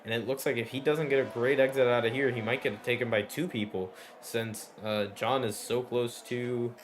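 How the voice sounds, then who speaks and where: A man's voice: medium pitch, steady tone, normal speed. A man giving live motorsport commentary on an online race, following the action in short running phrases. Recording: clearly noisy background.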